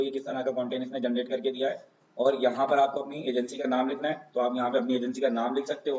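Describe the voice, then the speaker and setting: A man's voice: medium pitch, darkish tone, a little hiss or hum. A man giving a casual screen-share tutorial on social media marketing, talking conversationally and often checking in with his listeners. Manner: conversational, keeps saying "theek hai". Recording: roomy, dull lo-fi home recording.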